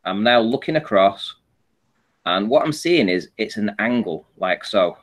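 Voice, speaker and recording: His voice is fairly low, expressive and a bit bright, and he speaks a little slowly. Appearing as a panel guest, he casually explains a photo analysis, leading listeners through the images step by step and checking their understanding.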